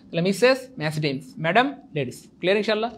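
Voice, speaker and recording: A young man who teaches an exam prep lecture in an animated, teasing way, repeating points and quizzing his viewers. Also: high voice, very fast, a little hiss or hum. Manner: animated, repetitive, teasing, asks the viewers questions. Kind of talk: online lecture.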